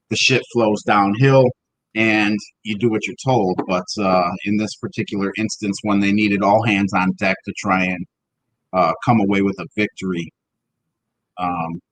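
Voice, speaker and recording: A man's voice: fairly low pitch, no room sound, poor audio. A man co-hosting a casual podcast from home over a call, rambling with many fillers and some swearing. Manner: rambling, filler-heavy, profane. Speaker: podcast co-host. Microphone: home computer mic over a call.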